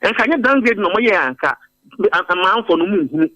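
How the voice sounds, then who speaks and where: A man's voice: sits high, animated, fairly quick, sharp tone, no room sound, rough recording. A Ghanaian man giving emphatic commentary in a radio interview, repeating phrases for force. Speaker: interviewed policy analyst. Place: radio studio.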